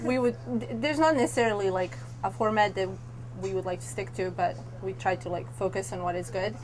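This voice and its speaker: A woman's voice: medium pitch, fairly quick, darkish tone, slight background noise, rough recording. Chatty woman from Serbia. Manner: chatty, laughs often, many fillers. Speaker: guest, website editor. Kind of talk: casual chat.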